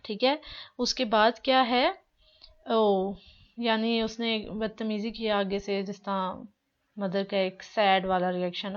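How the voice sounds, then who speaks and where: A woman teaching English, reading each line of a dialogue slowly and then explaining it. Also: mid-range voice. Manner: reads English lines slowly, then translates; repeats "ठीक है" between lines. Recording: dull lo-fi recording.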